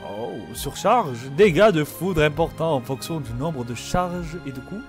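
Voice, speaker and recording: Young french gamer, high lively voice, jokey slangy banter, faint game music behind. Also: male voice, measured pace. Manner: reads tutorial text aloud. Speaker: gamer streamer. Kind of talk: casual let's play commentary.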